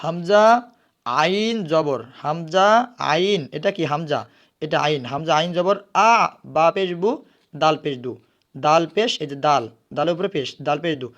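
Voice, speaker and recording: A man teaches recitation. He spells words out letter by letter, asks questions and answers them himself, then chants the words slowly. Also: on the high side, a bit bright, dull audio.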